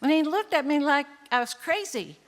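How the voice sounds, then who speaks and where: A woman's voice: high-pitched, lively intonation, moderate pace, big-room sound, a little hiss or hum. An older woman telling a true story live on stage, wry and laughing, often correcting herself mid-sentence. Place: theater stage before an audience.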